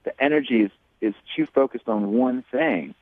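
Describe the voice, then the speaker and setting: Male caller, rambling and halting, dry tinny phone line. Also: mid-range voice, dry recording. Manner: rambling, hesitant, many restarts. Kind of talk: phone call on a radio show.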